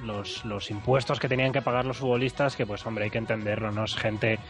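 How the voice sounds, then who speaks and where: A man's voice: on the low side, steady tone, fairly quick, faint music behind. Argentine man in casual banter. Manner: ironic, meandering, many restarts. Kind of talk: casual banter on radio show.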